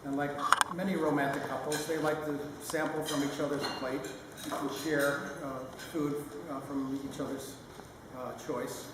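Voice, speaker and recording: An older man giving a sentimental, lightly humorous father of the bride speech, halting with pauses mid-phrase. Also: fairly high pitch, level tone. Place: large reverberant room at a wedding reception. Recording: echoey hall, distant mic, noisy room.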